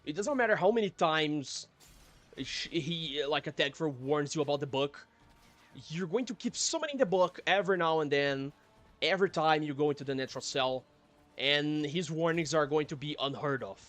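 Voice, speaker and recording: A somewhat high-pitched man talks through a game stream in a casual way. He grumbles and swears freely, with a dry, sardonic edge. He sounds like he is at home in his apartment. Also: normal speed, a bit bright. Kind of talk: casual gameplay commentary.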